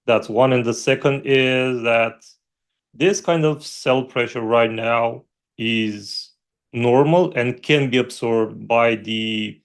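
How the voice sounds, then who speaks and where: Slow, gravelly man with halting speech. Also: medium pitch. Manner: halting, many "uh" fillers, sums up the other speaker's points. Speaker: co-host. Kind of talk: casual market discussion.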